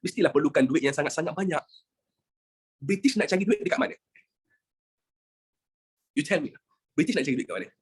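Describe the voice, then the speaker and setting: Husky animated Malaysian history teacher. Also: medium pitch. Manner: animated, asks rhetorical questions, mixes English phrases, jokes with class. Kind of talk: lively classroom lecture.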